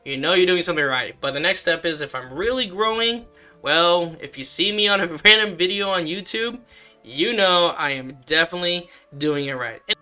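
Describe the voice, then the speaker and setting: Bright-voiced man rambling in a vlog. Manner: rambling, with many fillers and sudden upward swings in pitch. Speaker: vlogger. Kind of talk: casual commentary vlog.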